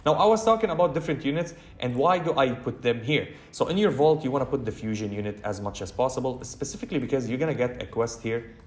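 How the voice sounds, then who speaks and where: A man's voice: mid-range voice, fast talker. Chatty man with a roomy echo. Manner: chatty, many fillers and self-corrections. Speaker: gaming channel host. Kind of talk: casual game walkthrough voice-over.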